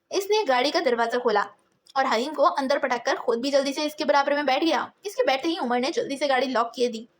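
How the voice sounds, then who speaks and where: A woman narrating a novel audiobook in an expressive storytelling manner. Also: high voice, a little hiss or hum.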